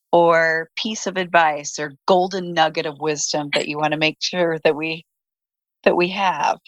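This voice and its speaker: A woman's voice: on the low side, a bit bright, no room sound. Friendly woman interviewer, dry sound. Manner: friendly, appreciative. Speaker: podcast interviewer. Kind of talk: conversational interview.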